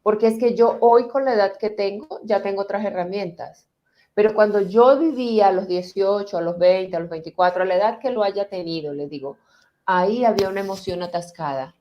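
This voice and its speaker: Calm, deliberate woman therapist. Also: medium pitch, dull audio. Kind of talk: conversational explanation with guided healing exercise.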